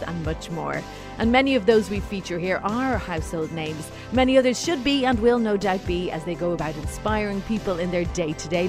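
A woman hosting a studio talk show, introducing her guest and chatting in a friendly, talkative way. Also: mid-range voice. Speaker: show host. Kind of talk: studio interview.

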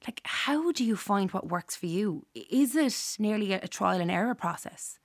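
A woman's voice: mid-range voice, lively intonation, normal speed, no room sound, studio quality. A woman with an Irish accent hosting a talk show, presenting and interviewing. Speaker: host.

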